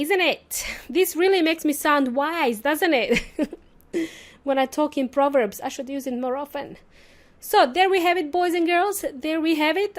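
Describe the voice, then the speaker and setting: A high-pitched woman, Serbian by native language, presents an English-teaching podcast on her own. She's bubbly and playful in her chatter and keeps asking her listeners things.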